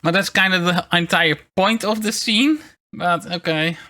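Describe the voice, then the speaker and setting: A man with a high, sharp voice streams as a VTuber, giving casual commentary at a measured pace. He reads articles aloud, rambling and stumbling over his words.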